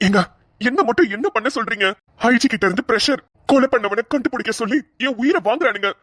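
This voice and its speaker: A woman's voice: on the high side, quick pace, fairly bright tone, no room sound, clean studio sound. A woman voicing a harried young male police officer who rants in exasperation, for a cartoon. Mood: exasperated. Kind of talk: dubbed cartoon voice acting.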